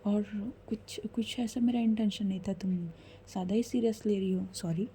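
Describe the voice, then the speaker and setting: Brief: woman narrator playing a teasing young woman, mellow and light, jokey. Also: medium pitch, steady tone, normal speed, slight background noise, close to an everyday voice.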